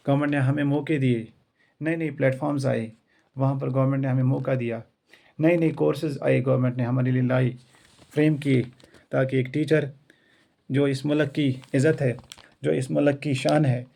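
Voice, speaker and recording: A man's voice: mid-range voice, creaky, warm tone. A male Indian schoolteacher who learned English on his own gives an earnest, motivational talk to students and teachers. He stacks up repeated rhetorical lines. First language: not English; self-taught English. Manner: earnest, repetitive rhetorical build-ups.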